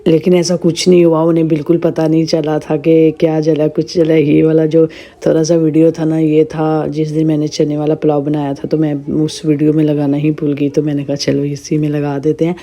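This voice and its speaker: Woman doing a chatty vlog voiceover, bit hoarse, low and mellow voice. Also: monotone, normal speed. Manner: chatty, rambling storytelling. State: sore throat, slightly hoarse. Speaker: vlogger narrating her day. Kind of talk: casual voice-over narration.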